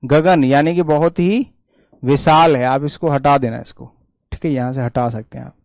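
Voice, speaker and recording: A man's voice: mid-range voice, fairly even intonation, moderate pace, vocal fry, a little mellow, no echo. A man teaching vocabulary for exams, explaining each word with memory tricks and checking in with "theek hai" over and over. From India. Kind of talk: exam-prep vocabulary lesson.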